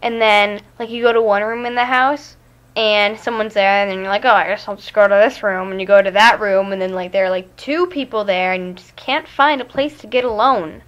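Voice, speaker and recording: A teenage girl ranting to camera in a casual home video, chatty and full of fillers, acting out what other people say. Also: a bit bright. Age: teens. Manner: chatty, filler-heavy, acts out quoted people. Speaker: vlogger. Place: room at home. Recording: dull low-fi webcam audio.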